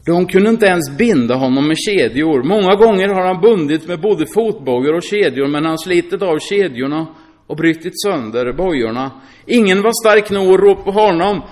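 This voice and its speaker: A man preaching a sermon, reading scripture aloud and commenting on it in a chatty way, often asking his listeners "va?". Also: high voice. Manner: lively, swings from loud exclamations to hushed asides.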